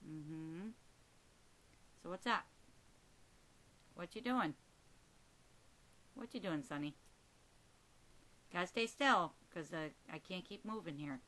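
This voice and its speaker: A woman's voice: fairly low pitch, lively intonation, takes it slowly, pauses often, fairly bright tone, poor audio. A woman chatting casually to her pet budgie, coaxing it with short repeated prompts and endearments. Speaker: pet owner filming her bird. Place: recorded while handling the camera herself.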